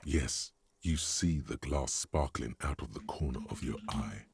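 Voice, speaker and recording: The commanding inner voice of a detective's mind in a video game. His voice is extraordinarily deep and authoritative. He narrates insistently, pushing the listener to act. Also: unhurried, husky, full character voice.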